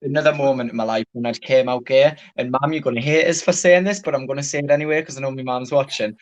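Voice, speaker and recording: A man's voice: mid-range voice, fast, low-quality recording. Sweary man telling stories. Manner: swears a lot, laughs while telling stories. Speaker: drag queen guest. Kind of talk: casual storytelling chat.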